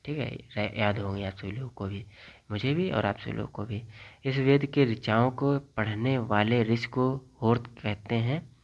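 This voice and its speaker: A man teaching a casual exam-prep lesson, reading textbook lines aloud and then explaining them in plain, chatty terms. He repeats key lists over and over and fires quick questions at viewers before answering them himself. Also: medium pitch, vocal fry. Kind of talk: casual classroom lecture. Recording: slightly dull lo-fi audio.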